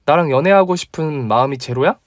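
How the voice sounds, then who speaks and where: A man's voice: on the high side, quick pace, no room sound, close to an everyday voice. Man putting on a pushy, teasing young woman doctor, raised voice, dry close sound, radio story. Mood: bold teasing. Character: bold young woman doctor, blunt and tough.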